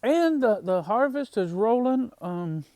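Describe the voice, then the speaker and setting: A man speaks casually to camera as a farm vlogger, his voice sitting a bit higher than most men's. He rambles along at an easy pace, stopping and restarting his sentences with lots of "um"s. The sound is close and dry, with no room around it. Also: animated, dark tone, no echo. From Northwest Indiana, USA. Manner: unhurried, halting, many fillers and restarts.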